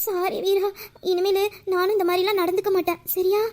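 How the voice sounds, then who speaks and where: A woman's voice: extremely high pitch, level tone, fairly quick, a little mellow. A woman voicing a remorseful young woman in an audio drama who pleads through tears and confesses a secret plan for revenge. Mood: pleading. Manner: sobbing, pleading, guilt-ridden. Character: tearful young woman hiding a revenge scheme. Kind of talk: emotional audio drama acting.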